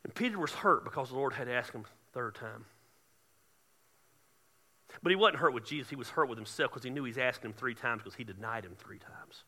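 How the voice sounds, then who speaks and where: Joking preacher man with a bright edge. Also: medium pitch, lively intonation, a little fast, long reverb tail. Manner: humorous, conversational, builds to shouting. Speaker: pastor. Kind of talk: sermon. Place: church sanctuary.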